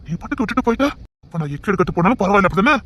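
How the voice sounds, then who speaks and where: A man voicing a young husband who pleads and threatens in rapid, insistent bursts in an audio drama. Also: high voice, lively intonation, a bit bright. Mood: bitter. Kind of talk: Tamil audio drama acting.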